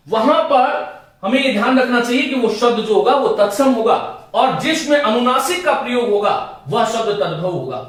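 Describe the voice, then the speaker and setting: High-voiced man teaching in an echoey room. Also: a bit bright, recorded from a distance. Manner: repetitive, explaining step by step and addressing students as friends. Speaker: Hindi grammar teacher. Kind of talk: classroom lecture for exam students.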